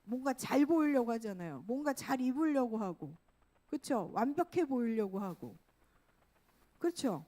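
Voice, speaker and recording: A woman pastor giving a sermon in a conversational way, often correcting herself and slowing down on key phrases. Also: a little high, very animated, mellow. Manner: conversational preaching, frequent self-corrections.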